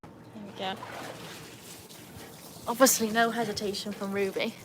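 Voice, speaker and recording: A woman from England with an English accent chats casually on a livestream by her backyard pool, laughing a lot and calling out to her dogs. Her voice is medium-pitched and level, at a measured pace, with slight background noise.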